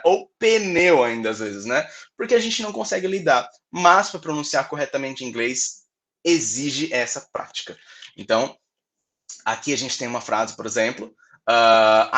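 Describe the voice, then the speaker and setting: Male workshop instructor from Brazil, mid-pitched voice, explanatory and patient, repeats words to model them. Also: a bit bright. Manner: explanatory, frequent tag questions, repeats example words. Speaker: English pronunciation instructor. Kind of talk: workshop lecture with slides.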